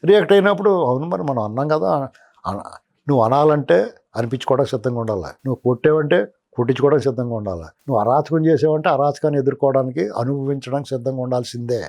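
Fast-talking, scolding male political analyst. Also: mid-range voice, a little mellow. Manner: scolding, addresses the politician directly as you. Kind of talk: heated political commentary.

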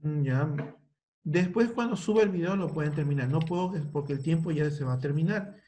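A man's voice: on the high side, fairly quick, mellow. A man teaching a primary school computer class over a video call, patiently thinking aloud as he works on the screen, with a Peruvian Spanish accent. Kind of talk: online class, guiding a word-processing task.

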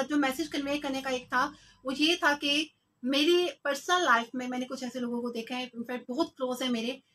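A young Pakistani woman hosts a live radio show from a small studio, chatting with listeners and slipping in English phrases. Her voice is high-pitched, pushed and bright, captured on a large studio mic.

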